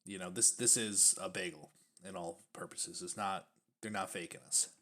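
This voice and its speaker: His voice is low, steady and sharp in tone, delivered at a moderate pace. He's a man casually reviewing snack foods on stream, full of chatter and fillers, now and then speaking mid-chew.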